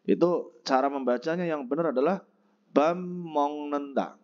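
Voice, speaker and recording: Man teaching Korean pronunciation, slow repeats. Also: medium pitch, a little mellow, muffled recording. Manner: repeats Korean words slowly for practice. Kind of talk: textbook lesson explaining pronunciation.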